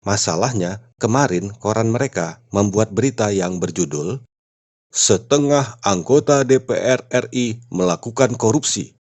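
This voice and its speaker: A man narrating comic stories in a steady, plain storytelling voice. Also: fairly low pitch, unhurried. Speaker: joke narrator.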